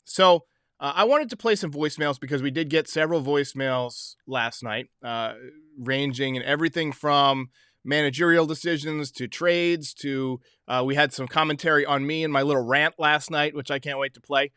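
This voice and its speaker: A man's voice: a little high, moderate pace, pushed and bright, smooth, no room sound, clean studio sound. A man hosting a sports podcast, giving emphatic, opinionated commentary in a casual way, talking straight to listeners.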